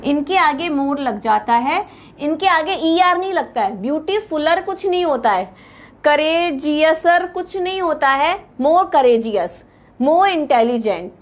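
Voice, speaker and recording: A woman with an Indian accent teaching English grammar in a patient classroom lecture, repeating word lists slowly and calling her students "beta". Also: high voice.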